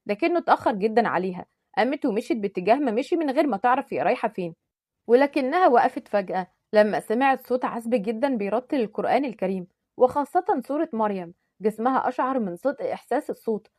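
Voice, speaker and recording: A woman storyteller with an Egyptian accent, narrating a story in a lively, dramatic way. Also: fairly high pitch, no echo, studio quality. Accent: Egyptian Arabic.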